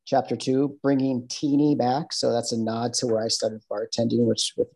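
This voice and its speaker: A man's voice: mid-range voice, completely flat delivery, normal speed, vocal fry, a little mellow, poor audio. A man with a Midwestern American accent, a podcast guest talking in a loose, rambling way with lots of fillers and restarts. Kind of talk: casual interview chat.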